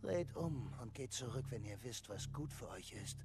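A man's voice: mid-range voice, animated, lightly acted. A man playing a hostile, threatening gang thug in a dubbed video game. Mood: menacing. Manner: threatening, slow.

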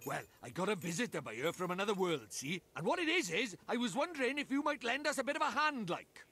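An actor with a Welsh accent playing a small, cheeky, bossy fairy creature in a video game, chirpy and theatrical. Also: male voice, sits high, very animated, quick pace, pushed and bright, slightly rough, no room sound, heavily acted.

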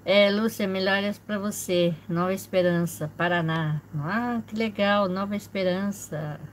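A Brazilian woman in her forties chats slowly with her live audience, reading out names and greeting each person. She talks into a close camera in a room at home, with a faint hiss underneath. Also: medium pitch, low-quality recording. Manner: slow, chatty, greets viewers by name with frequent small laughs. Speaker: livestream host. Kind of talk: casual live chat reading viewer comments. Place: indoor home room with a fish tank.

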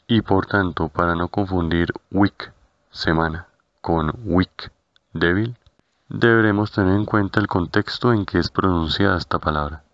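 A man narrating a scripted language lesson, speaking slowly and carefully and repeating each word. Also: deep voice, a bit bright, dry recording. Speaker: language teacher. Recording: dull, lo-fi.

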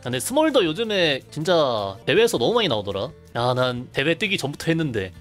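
A man's voice: a little high, very animated, a little fast, fairly bright tone, faint music behind. A young man casually commenting while streaming a game, chatty and laughing, reading chat aloud.

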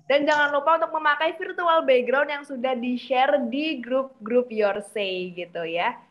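A woman's voice: high voice, measured pace. A woman moderating an online class, reading out audience questions and guiding the session in a friendly way. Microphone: video call. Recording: dull lo-fi video call audio.

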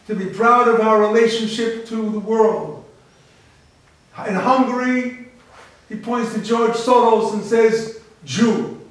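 Man, rabbi, public lecture, high voice, unhurried, emphatic. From United States. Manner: emphatic, rhetorical questions. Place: large echoey library hall. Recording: echoey hall from far off.

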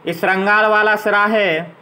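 A man's voice: high voice, steady tone, moderate pace, pushed and bright, low-quality recording. A man teaching a grammar lesson to young children, patiently spelling out letters and vowel signs one at a time.

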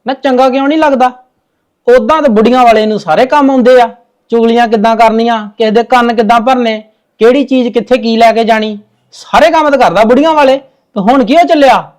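A man's voice: very high-pitched, brisk. A man playing a touchy, stubborn younger son in a family drama, arguing and sulking. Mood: irritated. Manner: argumentative, sulky. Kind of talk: Punjabi family drama acting.

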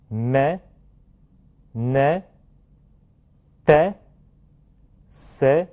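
A man teaching French pronunciation, explaining slowly and then loudly modeling each sound for students to repeat. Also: a little high. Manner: slow, careful explanations, then loud drawn-out example sounds.

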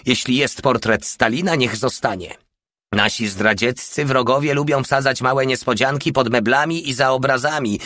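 A man's voice: mid-range voice, moderate pace, sharp tone, voice pushed up, close to an everyday voice. A man voicing a scornful wisecracking soldier. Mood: lecturing. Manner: mocking, contemptuous.

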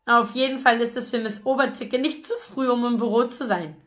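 A woman's voice: fairly high pitch, fairly even intonation, fairly quick, a bit bright, close to an everyday voice. A woman voicing a young male boss who is curt and irritated, growling out his lines in an audiobook. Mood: annoyed. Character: grumpy young man, annoyed boss.

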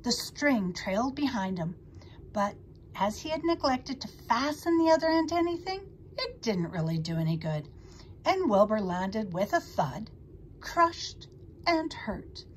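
A woman reading a children's storybook aloud, expressive and animated. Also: on the high side, moderate pace, slight background noise. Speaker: audiobook reader. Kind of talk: storybook read-aloud narration.

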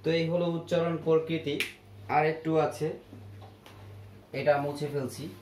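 A male teacher talks through a grammar lesson at a very unhurried pace, saying each example word again and again so students catch the sound. His voice sits at an ordinary pitch. The room rings with echo, and a faint hum of ambient noise runs underneath. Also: little pitch movement, a little mellow. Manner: slow, repeats each word over and over to drill pronunciation. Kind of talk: classroom grammar lesson at a whiteboard.

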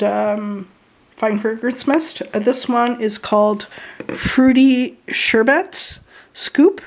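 A woman vlogger chatting casually through a beauty product haul, halting often with ums, restarts and throat clearing. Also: a little high. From Canada.

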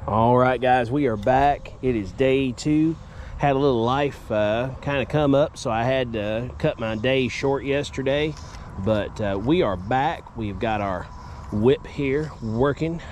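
Set first beside an outdoor pond and later inside his home, this casual fishing vlog features a young man with a drawl and a mid-range voice at a measured pace. He rambles in a folksy manner and grows excited when fish bite. Slight background noise is present.

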